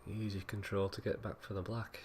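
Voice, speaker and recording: A man commentates on a pool match in a relaxed, chatty way. His voice sits low. A faint hiss of noise runs underneath. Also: fairly quick. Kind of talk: casual live commentary. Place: pool hall commentary spot.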